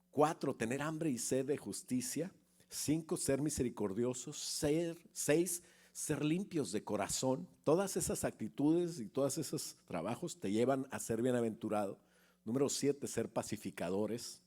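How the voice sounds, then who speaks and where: A man's voice: mid-range voice, warm tone. A middle-aged man preaching a sermon as pastor, chatting with the congregation, asking questions and acting out little stories. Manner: conversational preacher, asks the congregation questions, acts out anecdotes.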